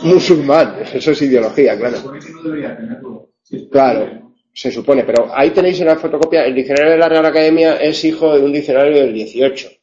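A man's voice: fairly high pitch, a little fast, darkish tone. A man teaching a class, explaining things step by step with many fillers and check-ins, and correcting himself as he goes. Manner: self-correcting. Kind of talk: classroom lecture on Spanish grammar. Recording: dull lo-fi classroom recording.

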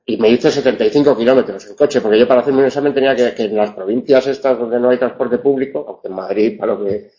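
A man's voice: medium pitch, fast, warm tone, highs cut off. A man teaching a university class, wry and digressive, often restarting his sentences. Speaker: university tutor. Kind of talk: classroom lecture with questions.

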